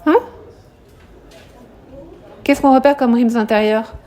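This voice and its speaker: Taking it slowly, a mellow-voiced woman who teaches high school French explains a poem to her students live in class, her intonation fairly even. She keeps asking them questions and tacks "hein" onto what she says.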